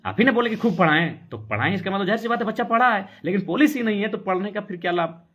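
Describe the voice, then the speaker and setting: An activist from Jharkhand, India, speaking with a Jharkhandi Hindi accent, argues insistently on a live stream, firing rhetorical questions while answering comments in an impassioned political talk. His voice is high-pitched, animated and fast, a bit bright and slightly rough. The sound is dull and lo-fi.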